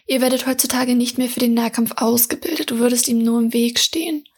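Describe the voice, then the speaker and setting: A woman reading the lines of an imposing, level-headed man in a storybook, firm and explaining, with a breathy voice. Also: a little high, steady tone, a little fast, darkish tone. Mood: stern.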